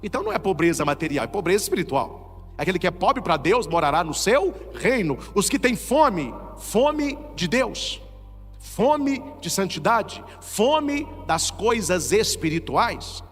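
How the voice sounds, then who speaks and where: Lively high-voiced Brazilian priest preaching. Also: male voice, a little slow, long reverb tail, faint music behind. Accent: Brazilian Portuguese. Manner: animated preaching with rhetorical questions. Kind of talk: sermon.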